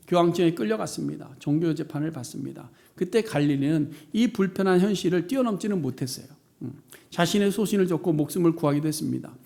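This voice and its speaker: A man preaching a sermon as pastor of a church, animated and dramatic, voicing the complaints he quotes. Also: fast, gravelly, hardly any pauses. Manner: animated, acts out quoted laments with rising pitch and volume.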